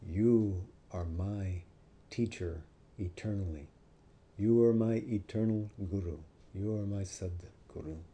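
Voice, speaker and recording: A man's voice: lowish voice, takes it slowly, mellow. A man voicing a humble young disciple. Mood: devoted. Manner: earnest, pleading.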